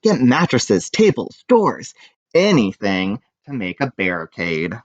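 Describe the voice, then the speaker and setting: A man voicing a commanding town mayor in a storybook, urgent and loud. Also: fairly low pitch, wildly swooping pitch, slow, dry recording, lo-fi sound, heavily acted. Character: commanding male town mayor rallying villagers.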